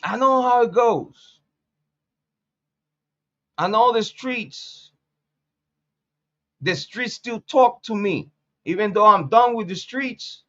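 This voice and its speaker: Blunt and foul-mouthed, a Puerto Rican commentary host in his late forties delivers a street monologue, driving points home through repetition. He speaks slowly with long pauses, his voice high for a man and fairly bright, over dull, lo-fi sound.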